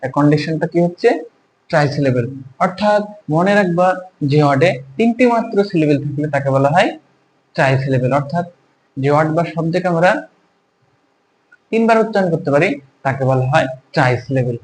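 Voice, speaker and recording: A man's voice: a little high, lively intonation, slight background noise, low-quality recording. A male teacher explaining a grammar lesson, asking the viewers questions and stretching words out syllable by syllable. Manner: repetitive, drawn-out syllable-by-syllable pronunciation; keeps asking the audience questions. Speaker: English teacher.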